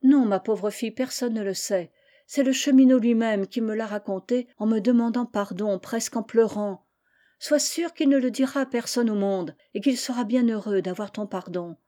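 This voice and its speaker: Woman voicing a gentle reproving mother. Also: on the high side, normal speed, close to an everyday voice. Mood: gently reproving. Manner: calm, patient admonishing.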